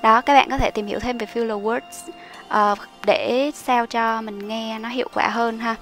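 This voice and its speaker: A young woman explaining study tips as a teacher, in a chatty, explanatory way with soft fillers. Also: a little high, fairly even intonation, normal speed. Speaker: IELTS teacher. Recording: soft music behind the voice.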